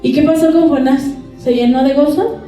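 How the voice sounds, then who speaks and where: A woman's voice: high voice, normal speed, dark tone. A woman preaching a sermon who keeps asking the congregation rhetorical questions for their assent. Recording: echoey church hall, mic far off, faint music.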